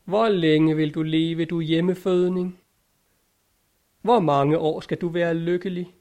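A man's voice: fairly high pitch, fairly even intonation, natural voice. A man voicing a brooding, guilt-ridden man full of despair in a read-aloud story. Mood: cold. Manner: dark, despairing.

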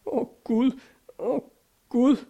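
A man's voice: high voice, darkish tone, dull audio. A man voicing a grieving, frightened young wife in a read-aloud story. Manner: anguished, tearful.

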